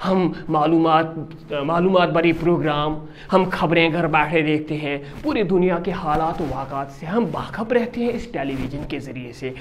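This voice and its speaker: A man's voice: on the high side, normal speed, a little hiss or hum. A male teacher giving a classroom lesson, repeating key words, quizzing his pupils and praising them often.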